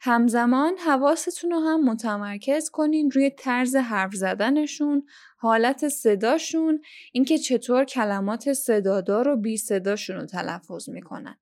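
A young woman from Iran hosts a language-learning podcast, her voice sitting a little on the high side. She explains each tip in a clear, instructive way, speaking straight to her listeners as she works through the episode. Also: darkish tone. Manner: instructive, addresses listeners directly. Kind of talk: scripted podcast lesson.

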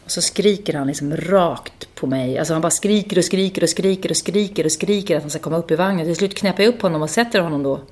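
A woman in her thirties and a mother, telling candid, animated stories in a casual podcast chat. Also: lowish voice, hardly any pauses. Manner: candid, animated storytelling with swearing. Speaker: podcast co-host.

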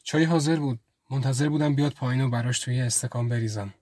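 A man's voice: mid-range voice, darkish tone, dry recording. A man telling a first-person story as an intimate, reflective inner monologue, close to the mic. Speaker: storyteller and writer.

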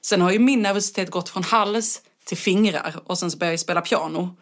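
Young adult female singer, low-ish voice, loose chatty storyteller, casual swearing. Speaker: guest singer. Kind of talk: casual conversation.

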